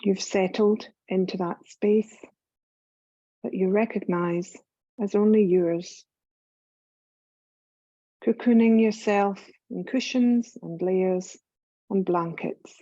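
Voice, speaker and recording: In a scripted meditation, a woman teaching yoga nidra speaks calmly and without hurry, leaving long pauses between phrases. Her voice is mid-range, the highs are cut off, and there is no room sound.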